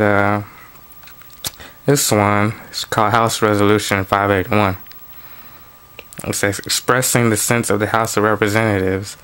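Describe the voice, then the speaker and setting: A man reads political news aloud in a low, level voice that barely rises or falls. His tone is smooth and clear. He breaks off into loose, offhand remarks and restarts between the articles. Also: a bit bright. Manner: plain reading broken by offhand asides and restarts. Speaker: political commentary vlogger. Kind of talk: reading news articles aloud with casual commentary.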